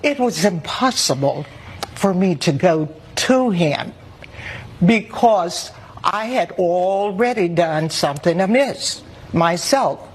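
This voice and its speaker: A middle-aged woman giving courtroom testimony as a witness, speaking in a formal, deliberate, indignant manner. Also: fairly low pitch, animated, breathy edge. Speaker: court witness, church secretary.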